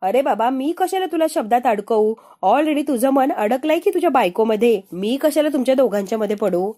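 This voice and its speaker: A woman's voice: a little high, animated, brisk, warm tone. A woman voicing a man's inner conscience that teases and lectures him. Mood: scolding. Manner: needling, lecturing. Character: man's own inner voice, teasing and scolding.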